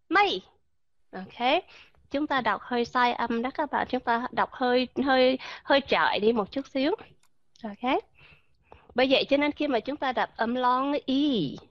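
A woman's voice: sits high, no room sound, lo-fi sound. A woman teaching English pronunciation, demonstrating vowel sounds and asking her listeners questions. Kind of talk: pronunciation lesson.

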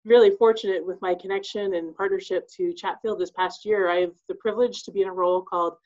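A woman's voice: medium pitch, steady tone, quick pace, a little mellow, highs cut off. A woman, a school social worker, speaking as a guest on a podcast and explaining her work earnestly, with some fillers. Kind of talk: casual podcast interview.

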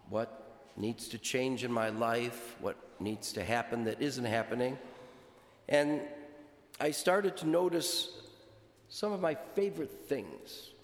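A man speaking as a priest, reading scripture and preaching with a measured, deliberate church delivery in an echoing, cathedral-like church. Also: medium pitch. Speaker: priest giving a homily. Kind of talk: liturgical gospel reading and sermon. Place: large reverberant church. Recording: echoey cathedral-like church, long reverb.

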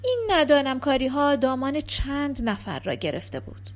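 A woman narrating an audiobook story with expressive, lively storytelling. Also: high-pitched.

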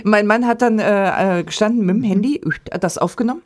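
A woman telling lively anecdotes in casual chat, laughing often and acting out quotes. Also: mid-range voice, a little fast, slight background noise.

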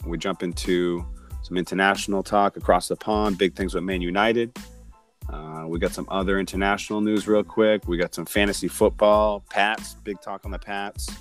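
Slangy male podcast host, hoarse from cheering. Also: deep voice, steady tone, normal speed, faint music behind. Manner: slangy, hype-man delivery. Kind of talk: casual sports podcast chat.

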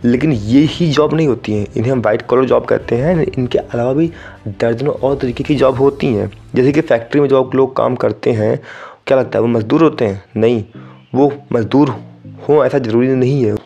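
A man's voice: mid-range voice, a little fast, vocal fry, dark tone, faint music behind. A young man from India hosting a solo podcast, talking casually and directly to his listeners and slipping English phrases into his sentences. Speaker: podcast host.

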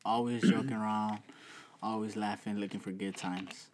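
A man's voice: on the low side, steady tone, moderate pace, darkish tone. A young man guesting on a podcast, giving brief, slightly shy answers in casual chat.

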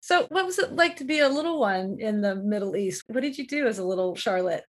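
A woman's voice: medium pitch, expressive, a little fast. A woman hosting a podcast, talking in a casual, conversational interviewing style. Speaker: podcast host.

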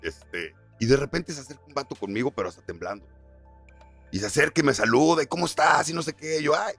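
A man's voice: mid-range voice, expressive, fast talker, gravelly, a bit bright, faint music behind. A man who works as a radio announcer, telling stories in casual podcast chat full of slang. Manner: storytelling, peppered with slang.

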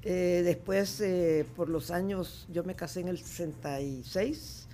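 Speaking slowly in a fairly low, warm voice, this Salvadoran guest artist in her seventies reflects and chats easily during a casual studio interview. Her accent is Salvadoran Spanish, and she laughs readily. A slight background noise is present.

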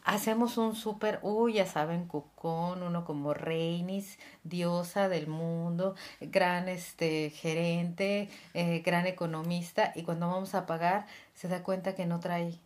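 Lively woman telling a story. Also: fairly low pitch, slow, hardly any pauses. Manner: lively, laughing, acts out voices in her story. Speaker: guest. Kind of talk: casual personal storytelling.

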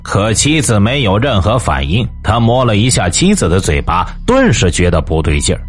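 A man's voice: lowish voice, normal speed, soft background music. A man hosting a show, telling a true-crime case as scripted narration. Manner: storytelling, lively intonation. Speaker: host.

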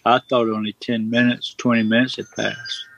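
A man's voice: medium pitch, little pitch movement, moderate pace, vocal fry, fairly bright tone, a little hiss or hum. A man, telling a personal story in a rambling, plain-spoken way and correcting himself often. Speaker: guest recounting a personal experience. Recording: dull lo-fi sound.

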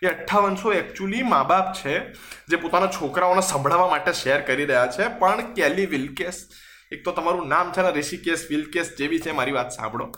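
Young male comedy host, bright sarcastic mock newsreader, roomy sound. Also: a little high, fairly quick. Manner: sarcastic, mixes in English words. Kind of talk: comedic mock news monologue. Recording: echoey room.

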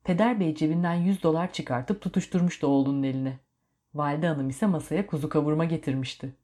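Low, mellow woman narrating a story. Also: brisk.

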